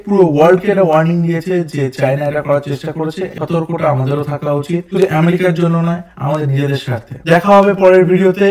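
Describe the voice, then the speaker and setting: A male host delivers urgent explainer commentary, mixing English words into his speech. His voice sits high and he talks at a quick clip. The tone is a steady warning to his viewers. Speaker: channel host.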